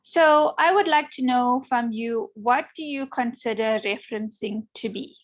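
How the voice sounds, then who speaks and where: A woman's voice: a little high, unhurried, dull audio. A woman lecturer giving an online class, encouraging students and often checking in with "okay?".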